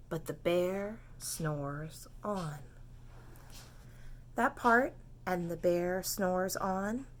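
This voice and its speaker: A female teacher reads a picture book aloud to preschoolers in a gentle, unhurried way, her mid-range voice dropping to soft whispers as she invites the children to join in.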